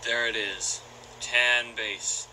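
A man voicing a stern plastic toy army sergeant who barks commands at his men in an animated war short. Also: medium pitch, extremely slow, background noise. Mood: commanding. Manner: barking commands.

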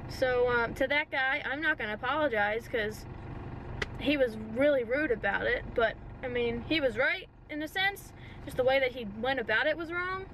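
Young woman with a high voice ranting in her car, lots of road noise behind her. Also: moderate pace, a bit bright. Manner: exasperated, ranting, chatty. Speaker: fishing vlogger. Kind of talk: casual vlog rant. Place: inside a parked or driving car. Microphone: camera mounted or handheld in car. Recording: noisy car and street ambience.

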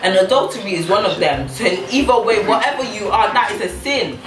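A woman's voice: mid-range voice, expressive, a little fast. A young woman chatting casually in a preachy, emphatic way in a bedroom. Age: young adult. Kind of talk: casual chat. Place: small bedroom, indoors. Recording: echoey room, distant mic, music.

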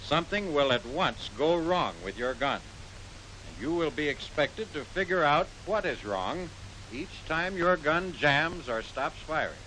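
A man with an American accent narrates in the scripted style of a mid-century military training film. His voice sits a little high, and his phrasing is formal, measured and instructive. The old film soundtrack adds a light hiss. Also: expressive, bright, forceful tone. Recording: hissy, noisy vintage film soundtrack.

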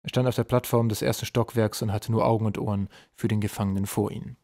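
A man narrating an audiobook in a calm, even storytelling voice. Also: lowish voice, fast talker. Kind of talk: scripted narration.

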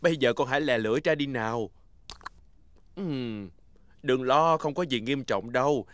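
A man voicing a calm, kindly brown bear doctor with a reassuring, professional manner in a dubbed cartoon. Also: mid-range voice, moderate pace, natural voice. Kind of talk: dubbed preschool cartoon acting.

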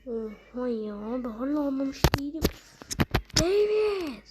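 A high-pitched woman talks through a game in loose, slangy chatter that keeps bursting into excited shouts. Loud noise hisses under her voice, with clicks in the background. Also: unhurried. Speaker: gaming channel host. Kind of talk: casual gameplay commentary.

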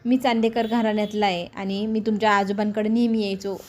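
A woman's voice: medium pitch, flat delivery, a little fast, darkish tone. A woman retelling a TV serial episode in a plain storytelling manner, quoting the characters' lines as she goes. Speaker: serial episode recap narrator.

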